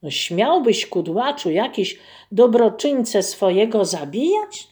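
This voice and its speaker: A woman's voice: on the high side, big pitch swings, slow, darkish tone. A woman doing an earnest simple peasant Maciek. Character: simple, earnest male peasant, easily dismayed.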